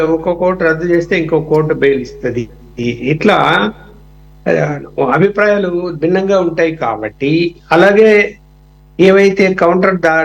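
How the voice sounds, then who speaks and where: A man's voice: fairly high pitch, gravelly, dull audio. A man on a political debate panel, arguing emphatically and firing off rhetorical questions.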